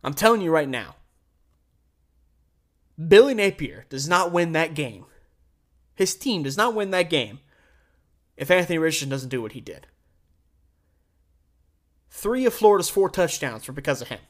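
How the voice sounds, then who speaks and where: An American man who hosts a sports podcast and radio show gives an opinionated solo commentary, emphatic and conversational. His voice is a little high and a bit bright.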